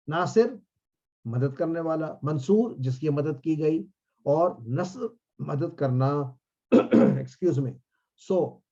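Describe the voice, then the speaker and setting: A man teaching a class, drilling phrases slowly and quizzing his students. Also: fairly high pitch, dark tone, lo-fi sound. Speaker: Arabic teacher.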